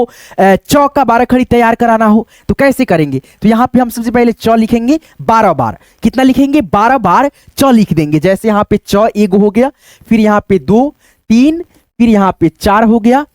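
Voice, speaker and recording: A man's voice: sits high, a little mellow, dry recording. A man teaching beginners at a board, patiently repeating and counting aloud.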